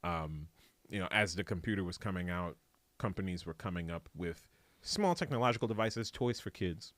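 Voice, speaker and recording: A man's voice: deep voice, expressive, moderate pace, fairly bright tone, no room sound. A man co-hosting a podcast, ranting in mock anger about an old woman and then explaining video game history in casual banter. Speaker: podcast co-host presenting the topic.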